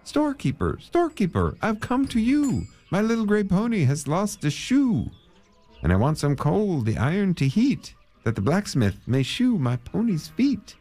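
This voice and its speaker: A man's voice: sits high, wildly swooping pitch, moderate pace, dark tone, faint music behind, voice pushed up, full character voice. A man voicing a worried, pleading pony owner from a children's storybook, in sing-song rhyme. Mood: urgent pleading. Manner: sing-song rhyming pleas.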